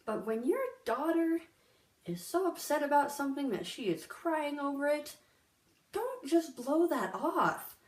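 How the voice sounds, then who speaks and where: A woman's voice: high-pitched, sing-song, unhurried. A young woman talking casually and earnestly to camera, with lots of fillers. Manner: chatty, filler-heavy, earnest. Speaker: vlogger. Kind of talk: casual vlog monologue. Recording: echoey room.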